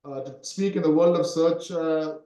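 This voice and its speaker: A man's voice: a little high, fairly even intonation, normal speed, dark tone, roomy sound, low-quality recording. A man in his early forties, originally from Sri Lanka, coaching on a call and often checking in with "right?". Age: 40s. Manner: repetitive, keeps asking "right?". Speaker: SEO coach. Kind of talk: coaching talk in an interview.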